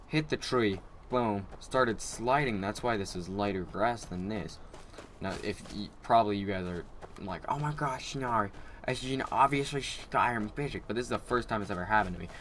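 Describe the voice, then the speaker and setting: A young man giving excitable let's play commentary as he plays, taunting and swearing at enemies. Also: on the low side, slight background noise. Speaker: gamer playing through an open-world game.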